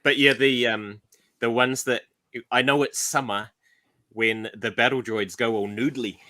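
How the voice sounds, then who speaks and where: A man's voice: medium pitch, fairly even intonation, unhurried, sharp tone, no room sound. A middle-aged man with a New Zealand accent, hosting a casual livestream chat and joking often. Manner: joking, chatty. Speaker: livestream host.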